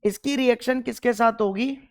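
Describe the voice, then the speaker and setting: Emphatic male teacher, smooth voice. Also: extremely high pitch, fairly even intonation, normal speed. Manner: emphatic, keeps repeating key points and asking the class questions. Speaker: chemistry teacher. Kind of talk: exam-focused classroom lecture.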